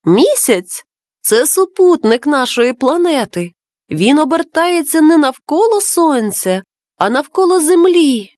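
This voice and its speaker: Storybook: woman doing a wise male dove friend, slow, patient explaining, lilting. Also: high-pitched, very animated, a little mellow, dry recording, studio quality, pitched above the performer's own voice.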